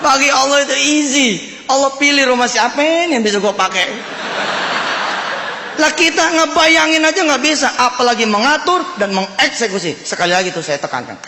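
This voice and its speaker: High-voiced preacher in an echoey hall. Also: male voice, fairly quick. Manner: animated storytelling, voicing characters, drops to low tones. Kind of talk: sermon with storytelling. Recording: echoey hall with faint noise.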